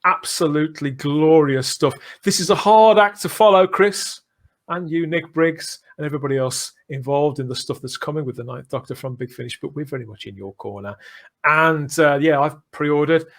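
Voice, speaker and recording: A podcast host, a man with a voice on the high side, talks at a normal speed. He chats enthusiastically and signs off with effusive, theatrical turns of phrase.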